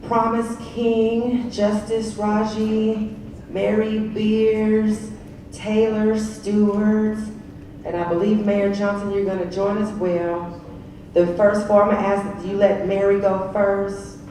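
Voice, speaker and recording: A woman moderates a panel in a big conference hall, encouraging and upbeat, reading out each name slowly. Her voice carries from far off with strong hall echo and noticeable background noise. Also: mid-range voice, flat delivery, warm tone. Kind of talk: introducing a panel.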